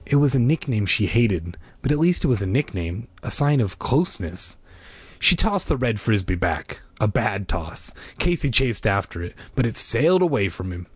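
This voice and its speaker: A man's voice: lowish voice, very animated, moderate pace, slightly rough, dry recording. A man reading a children's book aloud in a playful way, tossing in wisecracks between passages. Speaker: reader.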